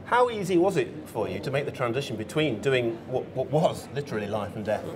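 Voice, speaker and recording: A man's voice: medium pitch, animated, fairly quick, background noise. A man in his forties interviewing someone in a conversational style. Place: indoor event interview stage. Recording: crowd murmur behind voices. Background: crowd murmur.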